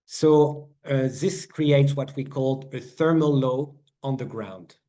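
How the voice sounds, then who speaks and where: A man with a French accent leads an online lesson, speaking slowly and patiently through each step. His voice is mellow and dark, mid-pitched, with frequent pauses, fillers and restarts as he explains, heard through a computer mic. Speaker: sailing weather instructor.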